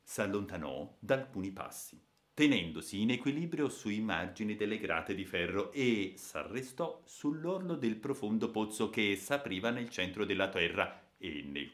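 A man reading an adventure story aloud as narrator, expressive in his storytelling. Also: lowish voice. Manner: expressive storytelling, reads the captive's lines with alarm. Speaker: audiobook narrator. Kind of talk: scripted narration.

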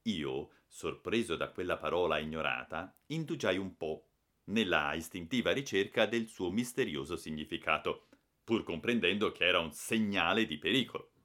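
Male narrator, expressive storytelling, low bright voice, very animated. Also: normal speed. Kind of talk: audiobook narration.

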